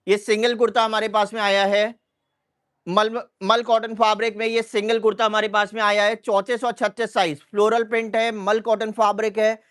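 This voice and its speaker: Brief: high-pitched male seller on a live sale stream, repetitive price-and-size patter. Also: level tone, a bit bright. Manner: repeats sizes and prices in a brisk listing rhythm.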